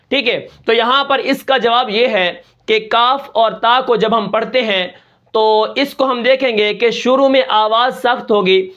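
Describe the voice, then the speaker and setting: Urdu quran teacher guy, high-ish voice, kinda dull lo-fi audio, keeps saying theek hai and repeating sounds. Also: a bit bright. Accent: Pakistani Urdu. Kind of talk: tajweed lesson with recited examples.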